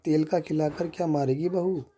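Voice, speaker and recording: A man's voice: a little high, steady tone, moderate pace, mellow, lightly acted. A man voicing a grumpy, nagging old mother-in-law who scolds and complains in a story reading. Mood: scolding.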